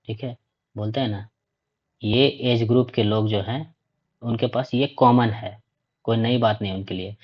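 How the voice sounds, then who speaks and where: Husky Hindi-speaking man teaching a class. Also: mid-range voice, fairly even intonation, measured pace, long pauses. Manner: reads points aloud then explains, repeats 'ठीक है' often. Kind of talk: classroom lecture. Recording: dull lo-fi recording.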